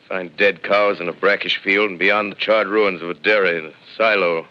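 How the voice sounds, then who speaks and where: An actor playing a lone, shaken professor surviving an invasion, narrating gravely in a 1930s radio drama heard through old AM radio sound. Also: male voice, deep voice. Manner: grave, measured, reflective. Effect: old AM radio broadcast sound. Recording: muffled 1930s AM radio broadcast.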